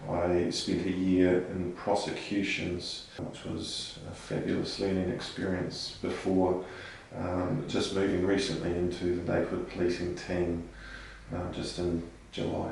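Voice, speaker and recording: A man in his thirties with a New Zealand accent, a police sergeant answering interview questions in a measured way, often pausing with ums. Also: sits low, gravelly, warm tone, a little hiss or hum. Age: 30s. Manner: measured, with frequent ums and restarts. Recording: very echoey room, distant mic.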